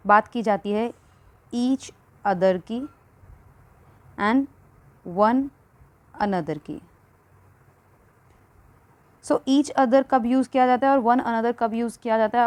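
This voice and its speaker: A woman teaches grammar, explaining each point patiently, step by step. Her voice sits fairly high and she speaks very slowly. The sound is dry and close, with no room echo. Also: a little mellow. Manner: patient, explains step by step, mixes Hindi and English. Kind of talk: slow spoken grammar lesson.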